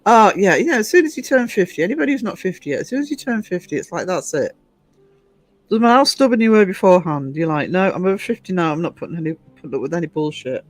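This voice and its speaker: A woman's voice: lowish voice, expressive, fast talker, no echo, faint music behind. A woman in her fifties chatting casually with viewers on a livestream, rambling and chuckling often. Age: 50s. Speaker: livestream host.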